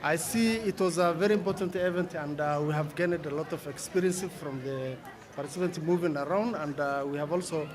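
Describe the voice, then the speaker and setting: A man, a community representative speaking in a halting, loud way at an outdoor festival. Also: fairly high pitch. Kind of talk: festival interview. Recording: outdoor crowd noise behind.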